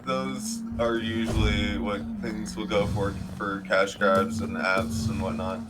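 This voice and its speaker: A man's voice: lowish voice, level tone, slow, over music. A young man chatting casually while gaming, laid-back and teasing as he argues his point. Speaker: co-host.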